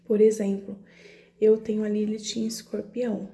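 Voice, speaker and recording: Speaking in a reverberant space, this woman has a medium-pitched, dark voice with little pitch movement and a moderate pace. She's an astrology vlogger with a São Paulo–area Brazilian Portuguese accent, recounting a personal story on her vlog in an emotional, hesitant way and frequently repeating words.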